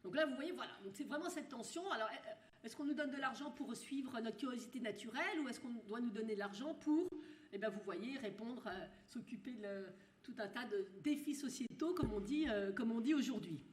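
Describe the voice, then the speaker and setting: Woman lecturer, higher voice, lots of restarts, asks the room questions, echoey lecture hall. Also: lively intonation. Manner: addresses the audience with rhetorical questions; halting, with frequent restarts. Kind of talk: university lecture. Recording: roomy hall sound.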